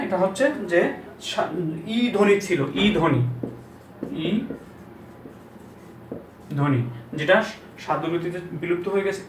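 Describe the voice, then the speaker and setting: A man teaching pronunciation, repeating example words slowly and asking rhetorical questions. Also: sits high, slight background noise. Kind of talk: Bengali pronunciation lesson. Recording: echoey room, mic at a distance, faint ambience.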